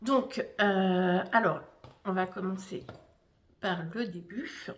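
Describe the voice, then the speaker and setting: A woman hosts a casual knitting video chat at home. She speaks slowly and hesitantly, filling gaps with fillers and restarting her sentences. Her pitch sits in a middle range. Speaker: knitting podcaster. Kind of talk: casual show-and-tell chat.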